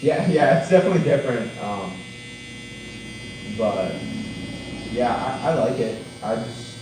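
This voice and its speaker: A man's voice: medium pitch, animated, unhurried, heavy reverb, distant mic, noisy background. A young man from Guatemala, a barbershop customer, chatting casually with lots of fillers and restarts. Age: young adult. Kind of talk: casual chat.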